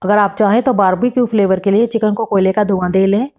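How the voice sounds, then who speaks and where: A woman narrates a home cooking recipe in a voice-over. She walks through each step in order and names exact quantities as she goes. Her pitch sits in a middle range. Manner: steady step-by-step instructions with measured quantities. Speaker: cooking channel host.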